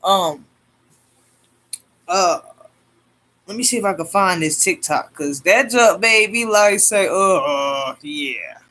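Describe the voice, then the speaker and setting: A man's voice: high voice, lively intonation, takes it slowly, long pauses, pushed and bright. A man hosting his own channel, talking in a loose, slangy, rambling monologue full of fillers and restarts. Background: faint homemade beat playing.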